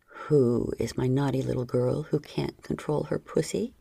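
Stern commanding man, a woman voices him, low gravelly half-whisper, dark tone. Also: unhurried, dry recording, heavily acted.

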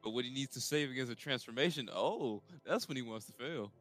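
A man's voice: mid-range voice, brisk, fairly bright tone, no echo, soft background music. A man playing a tabletop game, cracking jokes and teasing the others. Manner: teasing, wisecracking. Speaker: player. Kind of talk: casual tabletop chat.

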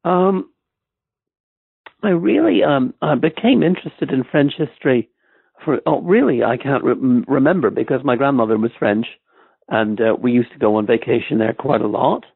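A man's voice: medium pitch, lively intonation, normal speed, gravelly, slightly rough, dry recording. A man with an Irish accent, a historian being interviewed on a podcast, who talks in a hesitant way with many ums and restarts. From Ireland. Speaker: guest historian. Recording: tinny phone-like line.

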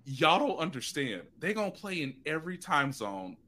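A man in a loose podcast chat, speaking as a sports reporter. His voice is a little high and ringing bright. He stays animated and excitable, leaping up in pitch whenever he wants to stress a point. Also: moderate pace.

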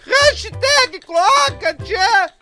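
A man with a gaúcho Brazilian accent, co-hosting a comedy show, slowly chanting a catchphrase through a canyon echo effect. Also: very high voice, lively intonation, pushed and bright, faint music behind. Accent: Gaúcho Brazilian Portuguese. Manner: slow, stretched-out chanting of a catchphrase. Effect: canyon echo on a drawn-out chant. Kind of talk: comedic banter.

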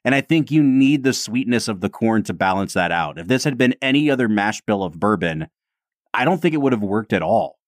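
A podcast co-host chats casually, talkative and self-deprecating, often breaking into laughter. His voice is on the low side, animated and a little fast, recorded at studio quality with no echo.

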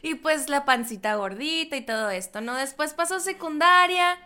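A young woman with a Mexican accent co-hosts a casual podcast. Her high voice carries a bright ring. She chats freely and laughs easily. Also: expressive, normal speed. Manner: chatty, laughs often, calls listeners "bebés". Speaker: podcast co-host. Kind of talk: casual chat.

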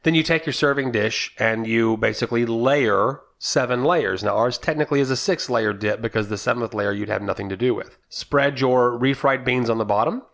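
Laid-back guy on a podcast, mid-pitched, going through a recipe step by step. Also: moderate pace, creaky, few pauses, a bit bright. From South Texas. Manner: easygoing, explains recipes step by step. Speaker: podcast co-host. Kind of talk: casual chat.

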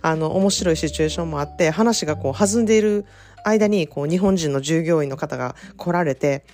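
A woman's voice: deep voice, a little fast, darkish tone, faint music behind. A woman with an Osaka accent hosting a podcast, chatting casually with frequent fillers and small laughs. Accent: Osaka Kansai dialect. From Japan. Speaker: podcast host, self-care consultant.

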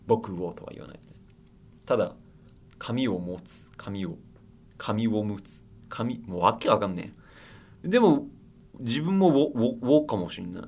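Playful young man, lively rambling radio chat. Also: fairly low pitch, normal speed, long pauses. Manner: rambling, self-mocking, bursts of loud laughter and shouting. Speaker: radio host. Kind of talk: casual solo radio chat reading listener mail.

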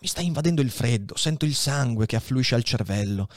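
A man's voice: medium pitch, animated, a little fast, dry recording, clean studio sound, natural voice. A man voicing a dying old priest in a dramatic reading of a novel, speaking weakly and often dropping to a whisper. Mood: weak, urgent. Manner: weak, hushed, often whispering. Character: dying old male priest, frail and solemn.

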